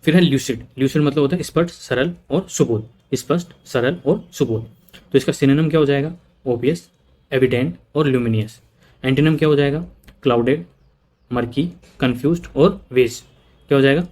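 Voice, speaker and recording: A man's voice: mid-range voice, a little fast, darkish tone. A man teaching an exam prep lesson, repeating word lists and checking in with "okay" often. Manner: repeats points with frequent "ठीक है" checks; mixes English terms into Hindi explanation.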